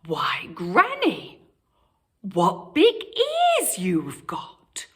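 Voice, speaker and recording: A woman's voice: mid-range voice, wildly swooping pitch, drawn-out words, a bit bright, exaggerated voice. A woman voicing an innocent, cheerful little girl from a storybook in an exclaiming, sing-song way. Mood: puzzled, wary. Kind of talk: storybook character voice.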